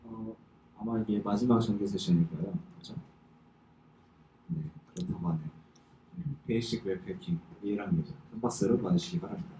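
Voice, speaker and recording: A man with a fairly low voice makes informal announcements as an event host. He is recorded at a distance in a roomy space with clear noise behind him. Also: big pitch swings, brisk, warm tone. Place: indoor event venue. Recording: echoey noisy room, distant microphone.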